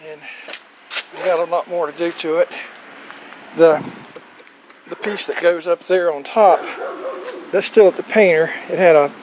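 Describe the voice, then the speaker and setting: A man's voice: fairly high pitch, fairly even intonation, unhurried, long pauses, noisy background. A man giving a casual, rambling video update on his motorcycle project, talking in a folksy, plain-spoken way outdoors. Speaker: motorcycle vlogger. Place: outdoors on a farm.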